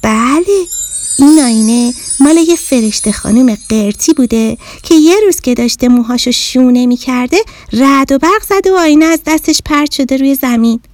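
A woman's voice: sits high, a little mellow, no room sound, faint music behind, pitched above the performer's own voice, lightly acted. A woman voicing a sassy, teasing talking reflection in a magic mirror that mocks and lectures, in a storybook reading. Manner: cheeky, mocking and lecturing.

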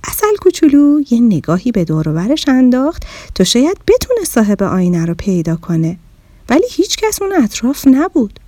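A woman narrating a children's story in an animated, expressive way. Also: a little high, no echo.

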